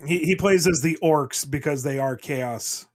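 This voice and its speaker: A man's voice: a little high, measured pace, darkish tone. A man in casual podcast chat, playfully riffing on comic scenarios as a co-host.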